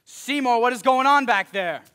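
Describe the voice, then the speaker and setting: A teenage boy acting as a gruff, complaining flower shop owner on a school stage. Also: sits high, lively intonation, brisk. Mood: grumbling. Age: teens. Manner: gruff, complaining, shouts at staff. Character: grumpy middle-aged male flower shop owner. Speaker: stage actor. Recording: live stage recording.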